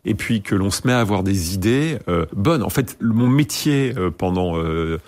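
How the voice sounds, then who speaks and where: A man being interviewed, telling his story in a rambling, animated way and acting out old conversations. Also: lowish voice, normal speed. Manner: animated, rambling with frequent restarts; acts out phone dialogues in voices. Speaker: entrepreneur guest.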